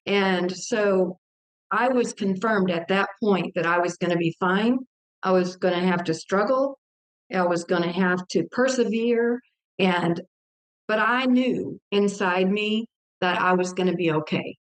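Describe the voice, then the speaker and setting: A woman's voice: mid-range voice, unhurried. Older woman telling an earnest testimony. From Texas. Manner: earnest, emotional storytelling with vivid quoted dialogue. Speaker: guest author. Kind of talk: personal testimony in an interview.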